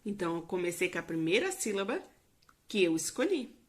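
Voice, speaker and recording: A Brazilian woman teacher explaining a lesson slowly to young children in a recorded remote class. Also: mid-range voice, big pitch swings. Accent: Brazilian Portuguese.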